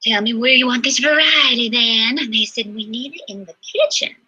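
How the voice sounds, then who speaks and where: A woman performing a solo comedy monologue, chatty, swinging between loud exclaims and hushed asides. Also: a little high, moderate pace, breathy edge. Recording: dull lo-fi livestream sound.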